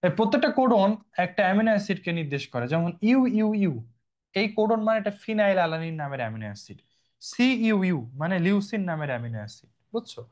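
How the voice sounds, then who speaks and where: A man's voice: high voice, big pitch swings, fast talker. A young man from Bangladesh teaching a biology exam-prep lecture in a chatty way, often checking in with his students. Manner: chatty, addresses students directly with frequent check-ins.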